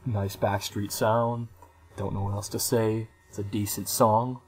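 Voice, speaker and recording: A man's voice: lowish voice, little pitch movement, measured pace, darkish tone, slightly rough. A young man in his twenties giving a casual, rambling album review, hesitating often with frequent ums and small restarts. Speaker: music reviewer.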